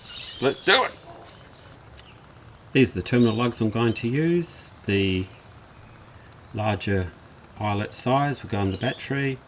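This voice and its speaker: A man's voice: fairly low pitch, a little hiss or hum. A man with an Australian accent casually explaining car wiring work as he does it, thinking aloud. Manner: relaxed, thinking aloud while working. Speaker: DIY car vlogger. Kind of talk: casual how-to narration. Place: at a car's engine bay, working on it.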